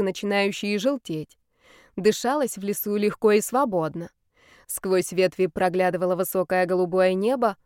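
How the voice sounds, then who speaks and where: A woman narrating a novel in the first person, wry and even. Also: medium pitch, clear, resonant tone, no room sound, clean studio sound. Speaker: audiobook narrator.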